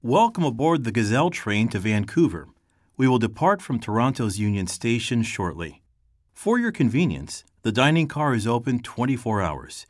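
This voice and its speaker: A man reading a scripted train announcement in a polite, clear announcer manner. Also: medium pitch, sing-song, normal speed, dry recording, studio quality. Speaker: train announcer in a test recording.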